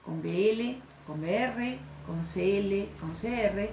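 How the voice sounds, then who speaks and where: A woman's voice: medium pitch, slow, darkish tone. A woman teacher, patiently explaining a recorded lesson and checking in with the class through questions. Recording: echoey room, faint background noise.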